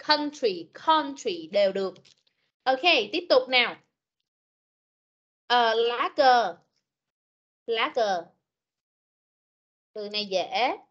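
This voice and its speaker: A woman's voice: a little high, pushed and bright. A woman with a Vietnamese accent teaching English vocabulary to children in an online class, patiently repeating words to drill pronunciation. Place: online meeting. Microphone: video call. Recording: dull lo-fi meeting recording.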